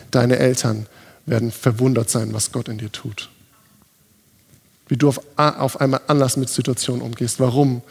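A man's voice: medium pitch, creaky, a little mellow, breathy edge. A man in his thirties preaching a sermon in a church hall, addressing the congregation directly and urgently. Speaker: pastor. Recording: long hall reverb, faint music behind.

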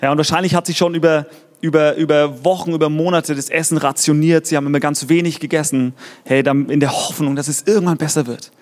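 A man's voice: a little high, steady tone, quick pace, darkish tone. Chatty male preacher in a reverberant hall. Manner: chatty, peppers talk with "hey" and "ja". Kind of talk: casual youth sermon.

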